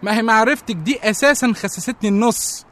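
A man's voice: very high voice, quick pace, fairly bright tone. An Egyptian-accented man in comic sketch dialogue, complaining with exaggerated indignation and frequent laughs.

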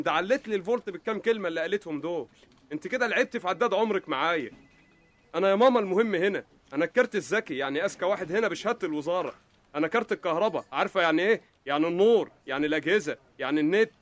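A man voicing a hot-headed, bragging electricity card. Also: high-pitched. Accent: Egyptian. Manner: boastful, quarrelsome, fast talking. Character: cocky male electricity card, hot-tempered.

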